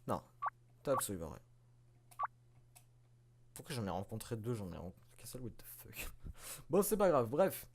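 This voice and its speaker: A man's voice: medium pitch, big pitch swings, moderate pace, pauses often, heavy background noise. Chatty man commenting on his gameplay. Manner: chatty, self-mocking, swears and laughs. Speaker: let's play host.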